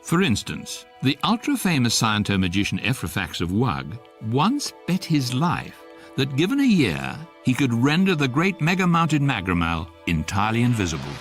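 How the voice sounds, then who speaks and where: An actor playing an authoritative electronic guidebook narrating a radio comedy, droll, precise and deadpan. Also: male voice, mid-range voice, moderate pace, faint music behind. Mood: droll, explanatory.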